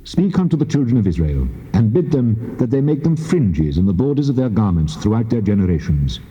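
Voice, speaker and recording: An actor playing a stern, commanding God in a solemn, measured scripture dramatization. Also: male voice, lowish voice, very animated, dark tone. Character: God, stern commanding Lord giving law to Moses. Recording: muffled, long cavernous reverb.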